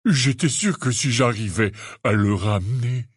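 A man's voice: medium pitch, unhurried, breathy edge, dry recording, clean studio sound. A man voicing a huge, anxious, tender-hearted half-giant in an audiobook, stammering and pleading. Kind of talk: audiobook character reading.

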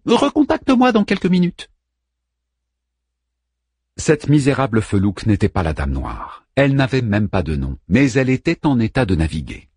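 Male audiobook narrator, expressive, lively swings, slightly low. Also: a little fast, husky, dry recording, clean studio sound. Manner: expressive, vivid storytelling.

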